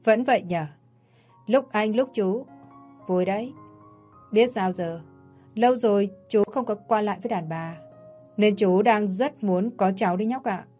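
Cocky bossy rich guy in glasses done by a woman, mellow, mocking. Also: medium pitch, unhurried, pauses often, faint music behind, natural voice. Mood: cold, mocking. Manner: mocking and domineering.

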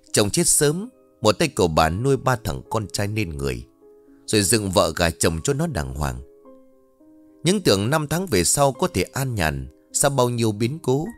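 A man's voice: fairly low pitch, very animated, moderate pace, soft background music. A man narrating a ghost story in a dramatic storytelling manner.

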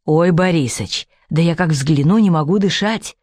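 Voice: mid-range voice, normal speed, a little mellow, dry recording, lightly acted. A man reading a story, voicing an eager stocky village man with hearty rural speech.

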